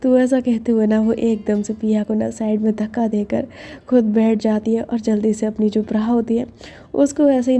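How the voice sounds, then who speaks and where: A woman's voice: on the high side, dark tone. A woman casually narrating a romance story in an intimate, chatty way with many fillers.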